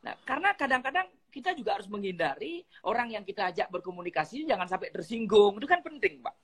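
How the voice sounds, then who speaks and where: A woman's voice: medium pitch, big pitch swings, fast, husky. A woman speaking as a guest on an online live talk, politely giving numbered tips on communication. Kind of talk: instructional live chat. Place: online video call.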